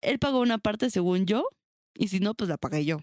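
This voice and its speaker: A young Mexican woman chatting on a podcast, her stories blunt, lively and full of swearing. Her voice sits at a middle pitch, recorded dry and close. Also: a little fast, no room sound. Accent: Mexican Spanish. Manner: blunt, swears freely, animated storytelling. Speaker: podcast co-host. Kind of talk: casual chat.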